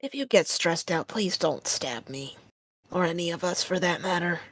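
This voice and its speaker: A woman's voice: fairly low pitch, animated, normal speed, a bit bright. A woman playing a tabletop role-play game in character, a little prim and questioning.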